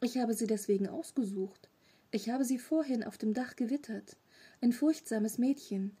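A woman's voice: fairly high pitch, normal speed, warm tone, breathy edge. A woman reading a storybook, voicing a curious, naive male three-eyed monster who explains things matter-of-factly. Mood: explaining.

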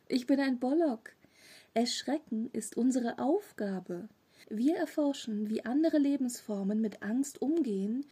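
A woman's voice: on the high side, warm tone, slightly rough, heavily acted. A woman reading a storybook, voicing a curious, naive male three-eyed monster who explains things matter-of-factly. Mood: puzzled.

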